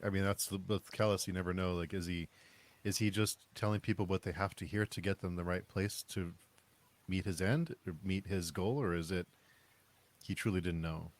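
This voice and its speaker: A man with a very deep voice hosts a casual book podcast. He thinks out loud in long, rambling questions and trails off with fillers. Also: moderate pace. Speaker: podcast host.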